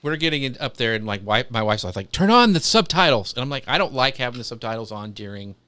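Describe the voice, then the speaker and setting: A man co-hosting a live podcast in casual conversation. His voice is bright and sits close and dry on the mic. He rambles, restarts his sentences and fills pauses with ums. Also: medium pitch, sing-song, clean tone, dry recording. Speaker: podcast co-host.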